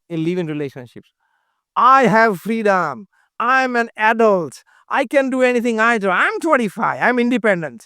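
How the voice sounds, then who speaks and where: A man's voice: sits high, clean tone, no room sound, studio quality. A man giving a motivational sermon as a monk, mixing in English phrases and acting out quoted voices. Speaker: monk giving a religious talk.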